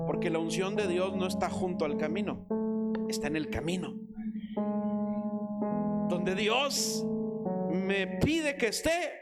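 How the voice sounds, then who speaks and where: A Mexican pastor preaches in church, a man whose voice sits high. He tells the story vividly and shouts out the quoted lines. Loud guitar music plays behind him the whole time. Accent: Mexican Spanish. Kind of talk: sermon.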